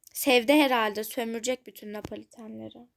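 A woman's voice: a little high, steady tone, brisk, vocal fry. A young woman casually commenting on a café game she is playing, chatting to her viewers with giggly, self-conscious asides. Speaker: gaming channel host.

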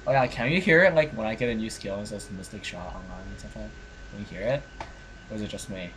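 A man's voice: on the low side, fast talker, background noise. A young man chatting casually while playing a game, laughing often and swearing now and then. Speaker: gamer playing and commentating. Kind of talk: casual gaming chat.

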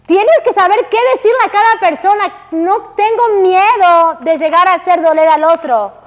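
High-voiced woman teacher, emphatic. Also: moderate pace. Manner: lively, emphatic, rhetorical questions to the audience. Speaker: religious teacher. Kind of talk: Torah lecture to women. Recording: long hall reverb.

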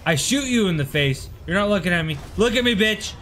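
A young man playing a video game while drunk, swearing, yelling at enemies and chatting with a friend. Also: high voice, lively intonation, brisk, a little hiss or hum. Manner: loud, profane outbursts at the game. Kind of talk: casual gaming banter.

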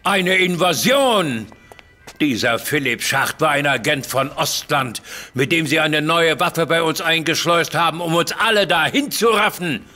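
An actor playing a blustering, suspicious army general who accuses others loudly, in a radio play. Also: male voice, on the high side, lively intonation, a little slow, faint music behind.

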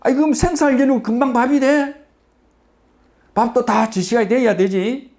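A man's voice: a little high, sing-song, slow pace, darkish tone, pitched above the performer's own voice. A man voicing a grumpy, proud old male craftsman with a Gyeongsang dialect accent, who scolds with indignant outbursts. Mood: irritated.

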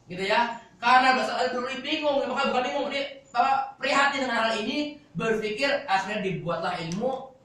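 A man's voice: very high voice, a little fast, sharp tone. A male Quran teacher giving a classroom lecture, explaining step by step and asking the class questions. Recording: echoey hall, voice from far off.

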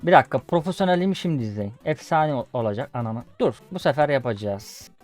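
A man's voice: medium pitch, expressive, quick pace, darkish tone, soft background music. A young man commentating his own gameplay in a casual let's-play, swearing at the game and telling viewers to watch. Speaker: gaming YouTuber. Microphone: desk USB condenser microphone.

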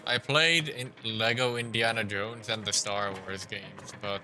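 A man's voice: lowish voice, fairly even intonation, a little slow, pushed and bright, a little hiss or hum. Young man streaming a game, confused. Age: young adult. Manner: confused, rambling, repeats words. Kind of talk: live gameplay commentary. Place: small room indoors. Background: game music.

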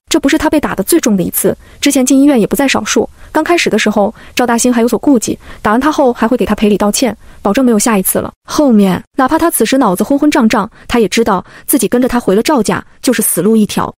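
A synthetic woman's voice narrating a novel audiobook in an even, smooth read. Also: a little high, no room sound.

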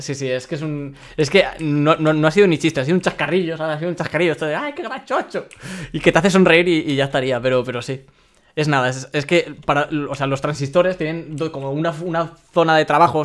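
Fast-talking young Spanish streamer man. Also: a little high. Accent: Spain Spanish. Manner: excitable, laughs often, stumbles and repeats words. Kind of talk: live game stream, reading chat.

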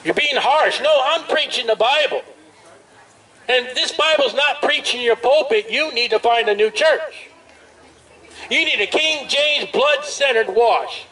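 A man with a very high voice preaches loudly in the open air at a busy street festival, amplified by a portable speaker, with some chatter behind him. His emphatic, drawn-out phrases hammer on, picked up by a distant recording with ambient noise.

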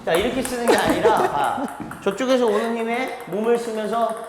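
A man with a very high-pitched voice coaches table tennis at a moderate pace, talking animatedly and chuckling as he demonstrates strokes in a large indoor hall. The recording is echoey, with ball clicks in the background and a slight hiss or hum.

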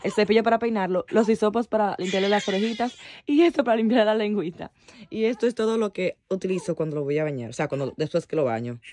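A woman's voice: quick pace, darkish tone, slight background noise. A young mother, chatting casually through her baby's routine at home on a phone camera. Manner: chatty, talks to baby in a high cooing voice. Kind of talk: casual vlog narration. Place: home nursery, indoors.

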